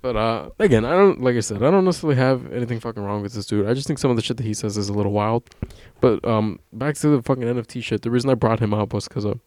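A man's voice: mid-range voice, rapid-fire, hardly any pauses, darkish tone. Casual, swearing young man. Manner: rambling, swears a lot, laughs often. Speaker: podcast co-host. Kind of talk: casual chat.

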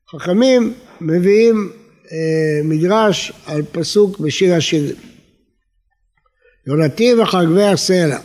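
Man, rabbi teaching a sermon, expressive emphasis, lingering reverb. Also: high voice. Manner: expressive, rising and falling emphasis. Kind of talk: Torah lesson sermon. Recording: long reverb of a hall.

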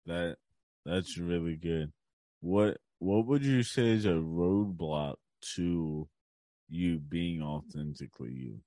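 A man hosts a podcast and asks calm, reflective questions at an unhurried pace. His voice is very low. The sound is dry and close. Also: dry recording. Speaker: podcast host. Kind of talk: casual conversational interview.

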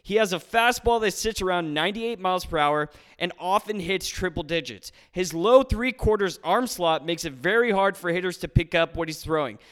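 High-pitched, clear-voiced man hosting a podcast. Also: expressive, normal speed, hardly any pauses, fairly bright tone. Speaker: podcast host. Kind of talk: solo sports podcast, scripted commentary. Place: recorded in a garage.

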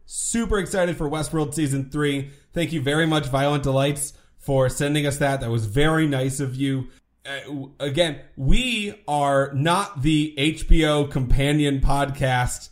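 A man's voice: fairly high pitch, a little slow. A man co-hosting a podcast in casual chat, with jokey, mock-dramatic exaggeration. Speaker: podcast co-host.

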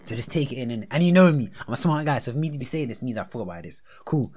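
A man's voice: medium pitch, expressive, very fast, darkish tone. A young man in his twenties with a London roadman accent, chatting casually in heavy slang and tagging phrases with "innit" and "yeah". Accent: London, urban roadman slang style. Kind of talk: animated casual chat.

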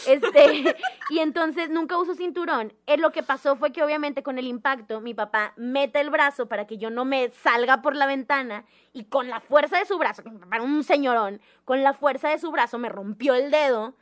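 A young woman with a high voice tells a personal story in casual chat. She talks in an animated, theatrical way and acts out the voices of the people in her story. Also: moderate pace. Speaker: guest telling a personal story.

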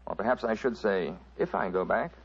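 An actor playing a genial, blasé English aristocrat in exile with an English accent and suave, chatty delivery in an old radio drama. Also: male voice, fairly low pitch, brisk, slight background noise, lightly acted. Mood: casual, musing. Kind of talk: 1940s radio drama acting. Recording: dull old radio recording.

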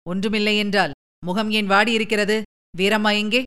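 A woman voicing a stern old king who questions his daughter gruffly. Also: medium pitch, level tone, moderate pace, fairly bright tone, natural voice.

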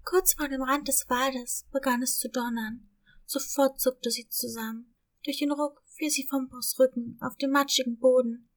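A woman calmly reading a children's story as narrator. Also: sits high, normal speed. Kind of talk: scripted narration.

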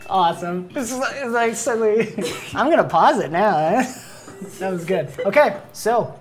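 A woman's voice: mid-range voice, lively intonation, measured pace, slight background noise. A woman game master narrating a tabletop role-playing game in a casual, conversational way.

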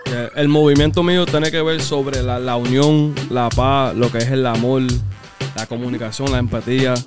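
Guest, thirties; earnest, halting, repeats words; light music bed. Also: male voice, medium pitch, steady tone. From United States. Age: 30s. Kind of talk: casual interview chat.

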